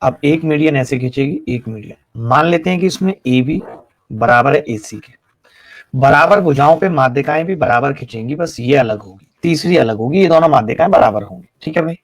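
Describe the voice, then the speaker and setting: Male math teacher on a live class, raised gravelly voice, patient step-by-step explainer who jokes with the class. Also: a little high, lively intonation, brisk, no echo.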